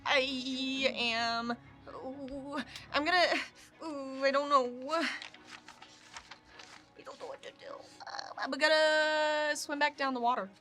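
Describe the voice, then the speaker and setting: Bright, high-voiced, flustered woman player. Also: slow, faint music behind. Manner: flustered, excitable. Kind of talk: casual tabletop play.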